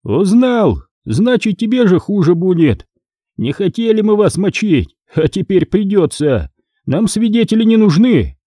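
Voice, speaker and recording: A man's voice: high voice, big pitch swings, normal speed, dry recording, clean studio sound, pitched above the performer's own voice. Man doing a jeering crude thug. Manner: mocking, coarse, loud. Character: brash young male thug, crude and jeering.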